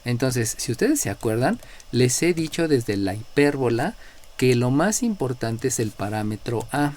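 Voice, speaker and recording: A man's voice: mid-range voice, very animated, measured pace, a little mellow. A man with a Mexican accent lecturing as a math teacher in a live class, explaining step by step and checking in with his students. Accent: Mexican Spanish. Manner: explanatory, checks in with frequent "¿no?", calls on students by number.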